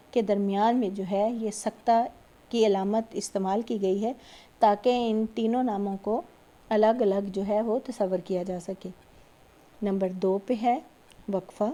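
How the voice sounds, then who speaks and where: Mellow-voiced woman teaching a lesson. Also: mid-range voice. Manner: patient, repeats key points, frequent check-ins. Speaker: school teacher. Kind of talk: recorded classroom lecture.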